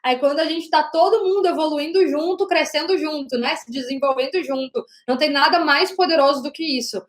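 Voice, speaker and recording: Loud high-pitched woman giving a coaching lesson, keeps saying "right?", echoey room. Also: fairly quick. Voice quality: loud, projecting voice. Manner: emphatic, with frequent "né?" and "gente". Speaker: communication coach. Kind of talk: online lesson. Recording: roomy echo.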